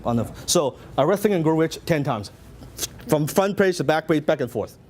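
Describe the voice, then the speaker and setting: At a motivational seminar, a middle-aged business speaker from Hong Kong, with a Hong Kong Cantonese accent, narrates his story and poses lots of questions to listeners. His slightly high, slightly mellow voice is expressive and moves at a moderate pace, with a little hiss or hum.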